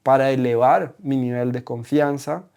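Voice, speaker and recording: A man with a Costa Rican accent, a German teacher talking as a guest in an interview, animated and full of rhetorical questions. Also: medium pitch, normal speed, gravelly, clean tone. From Costa Rica. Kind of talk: conversational interview.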